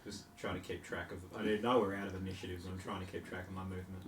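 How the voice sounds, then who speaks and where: A man's voice: low voice, little pitch movement, very fast, fairly bright tone. A man with an Australian accent playing a tabletop game, practical and tracking his moves. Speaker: player. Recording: echoey room, distant mic, clear noise.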